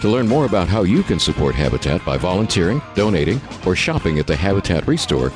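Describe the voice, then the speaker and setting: A man's voice: sing-song, fast talker. A man reading radio commercials in an upbeat, selling tone. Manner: upbeat sales pitch. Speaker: ad announcer. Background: music bed.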